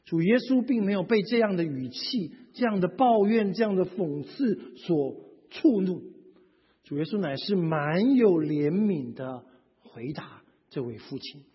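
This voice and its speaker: Husky-voiced male preacher in reverberant hall. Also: high-pitched, a little slow. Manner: expressive preaching, rhetorical questions, reads scripture aloud. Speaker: pastor. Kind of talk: sermon. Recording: dull lo-fi sound with long hall reverb.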